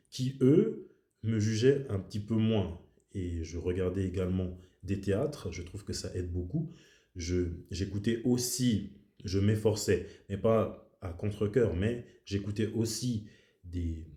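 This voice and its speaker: A video host whose first language is French gives a casual, reflective explanatory monologue in a low, very dark, mellow voice. He loops back and repeats points for emphasis, and the room around him is noticeably echoey.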